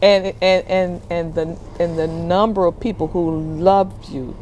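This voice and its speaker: A woman hosting a table talk, affirming her guest and asking questions with halting restarts. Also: lowish voice, steady tone, darkish tone, lo-fi sound, slight background noise. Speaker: host. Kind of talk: interview at a table.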